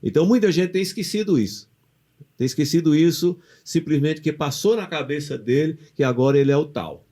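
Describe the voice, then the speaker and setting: A Brazilian Portuguese-accented man co-hosts a motivational podcast, his voice on the high side and a little fast. He's an animated storyteller in casual chat, tossing out rhetorical questions as he goes.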